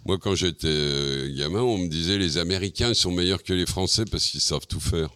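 A man, an actor guest in a radio interview, talking in a relaxed, reflective way with many pauses. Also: deep voice, clean tone, no echo, studio quality. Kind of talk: casual radio interview chat.

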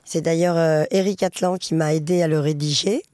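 A woman singer and author talking casually in an interview, chatty and lively, with many fillers and restarts, and a French Traveller community accent. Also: low-pitched, moderate pace, dry recording, studio quality.

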